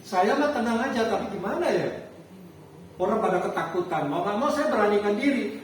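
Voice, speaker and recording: A man preaching a sermon as a pastor, telling a personal story in an animated way with frequent halting restarts. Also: sits high. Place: church hall. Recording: echoey hall, distant mic, faint noise.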